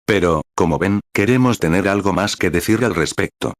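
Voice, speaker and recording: A man's voice: deep voice, moderate pace, no room sound, clean studio sound. A man reading a translated sermon aloud in a preaching cadence, announcing each paragraph number as he goes.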